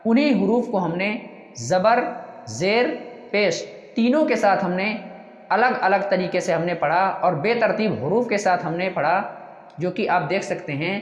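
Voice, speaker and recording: A teacher giving a slow reading lesson who asks what a letter combination says, then answers and repeats the answer. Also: medium pitch, animated. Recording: dull echoey recording with long reverb.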